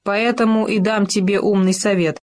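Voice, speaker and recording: A woman's voice: medium pitch, steady tone, moderate pace, a little mellow, close to an everyday voice. A woman voicing a bold male hedgehog in a storybook, speaking bluntly and cockily. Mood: cocky. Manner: gruff, blunt, cocky.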